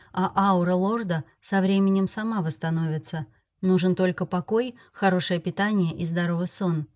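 A woman reading the part of a kind elderly male healer in an audiobook, calm and instructive, with no strong change from her own voice. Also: medium pitch, natural voice.

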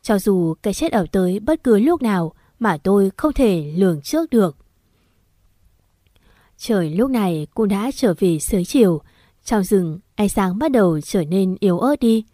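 A woman narrating a scripted first-person horror story in a steady, emotional storytelling manner. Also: medium pitch, unhurried, no echo, clean studio sound.

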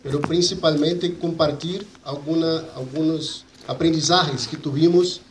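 Speaking for an agroecology movement at a conference, this native Portuguese speaker has a Brazilian Portuguese accent and a slightly high voice with a steady tone. His presentation stumbles between Spanish and Portuguese as he repeats and reworks his phrasing. There's roomy echo and faint background noise.

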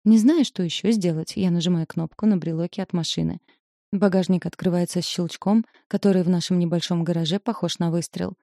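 A woman's voice: fairly low pitch, fairly even intonation, brisk, warm tone, dry recording, studio quality. A woman reading a novel aloud in the first person, telling a tense, confessional story. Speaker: audiobook narrator.

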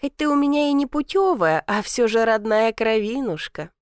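Audiobook: woman doing a folksy teasing old granny, high and lively, dry close recording. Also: moderate pace, no room sound, natural voice. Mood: sly, doting. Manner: folksy, sly, doting. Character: chatty teasing village grandmother, older woman.

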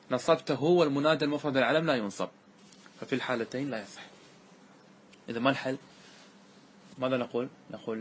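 A man's voice: medium pitch, slight background noise. Man teaching grammar with rhetorical questions. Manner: asks questions and answers them himself, repeats rules patiently. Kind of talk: classical grammar lesson.

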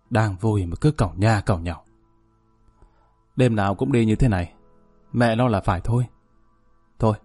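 Brief: male storyteller, mid pitch, casual and wry, dry close sound. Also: darkish tone, no room sound. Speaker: narrator. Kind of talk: first-person story narration. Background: faint music.

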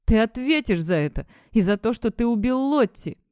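A woman's voice: fairly high pitch, lively intonation, moderate pace, darkish tone, no room sound, clean studio sound, pitched above the performer's own voice, natural voice. A woman doing a frightened, defiant young woman. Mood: furious. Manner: trembling, tearful.

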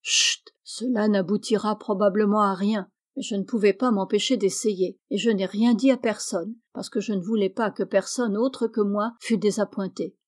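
A woman's voice: medium pitch, steady tone, moderate pace, hardly any pauses, a little mellow, lightly acted. A woman reading Jo, a frank young woman. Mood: earnest. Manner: earnest and direct.

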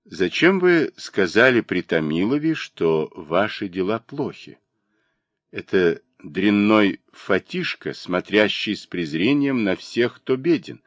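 A mocking young lady of the gentry, as a man reading a novel aloud puts her on. She talks fast and sharp, her pitch lifted a little above the reader's low voice and moving in lively swings. The sound is close and dry. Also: dry recording, full character voice.

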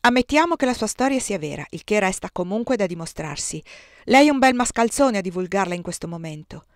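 A woman's voice: mid-range voice, lively intonation, fairly quick, dry recording, clean studio sound, lightly acted. A woman reading aloud, voicing a hostile stranger man who scolds sternly. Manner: accusing, stern.

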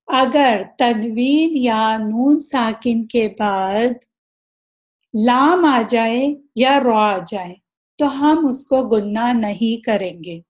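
A woman teaching a recitation lesson, patiently explaining rules and demonstrating examples slowly. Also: a little high, darkish tone. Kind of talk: tajweed lesson.

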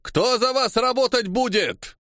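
A man's voice: very high voice, fairly bright tone, dry recording, clean studio sound, pitched above the performer's own voice. A man voicing a brutal Cossack captain who barks contemptuous orders and threats. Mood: menacing. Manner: barking, contemptuous, slow drawn-out threats. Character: brutal shouting Cossack captain, male adult.

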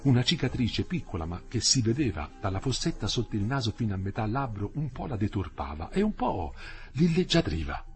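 A man reading a novel aloud in a measured, expressive storytelling manner. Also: on the low side, soft background music. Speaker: audiobook narrator. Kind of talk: literary audiobook reading.

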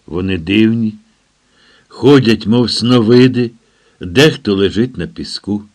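A man's voice: fairly low pitch, slow, darkish tone. A man reading an audiobook, voicing a young American man answering over a radio in a dazed, trailing way. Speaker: character in an audiobook.

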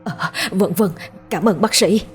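A woman's voice: medium pitch, measured pace, faint music behind, close to an everyday voice. A woman voicing an aging, guilt-ridden father who pleads and stammers. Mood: pleading.

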